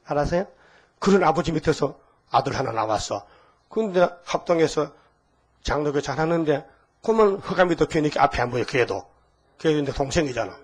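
An older man in his sixties preaching a sermon with a husky voice, emphatic and full of rhetorical questions to the congregation. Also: a little high, lively intonation, brisk. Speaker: pastor.

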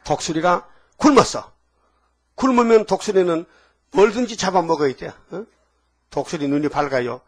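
Emphatic Korean preacher, fairly high voice. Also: male voice, expressive, moderate pace. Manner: emphatic, asks the congregation to repeat after him; rhetorical questions, sudden swings from loud to low. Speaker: pastor. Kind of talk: sermon.

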